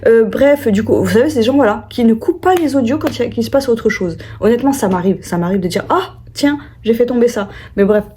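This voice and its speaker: A woman's voice: fairly high pitch, expressive, fast, few pauses, mellow, a little hiss or hum. A young woman vlogger telling a personal story in a casual, chatty way, with many fillers and restarts and quoted voices acted out.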